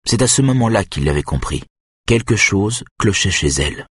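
A man narrating an audiobook in a steady, measured reading. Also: on the low side, slightly rough, dry recording.

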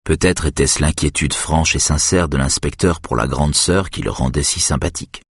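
A man doing measured, scripted audiobook narration of a thriller. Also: rumbling low, breathy edge, no room sound, clean studio sound.

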